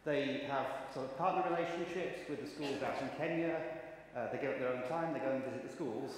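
Speaking at medium pitch and a touch quickly, a fifty-something man delivers a conference keynote full of anecdotes. His tone is conversational and wry, and the recording carries the echo of a big hall plus a little background noise.

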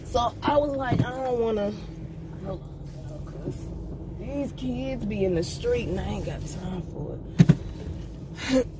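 A woman, casual and assertive, talking straight to her viewers from a parked car. The phone sits a little away from her, so her voice sounds distant. Loud car and street noise runs underneath. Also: a little high, takes it slowly, pauses often. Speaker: motivational vlogger. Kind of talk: candid car vlog. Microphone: phone camera on the dashboard. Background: car and outdoor traffic noise.

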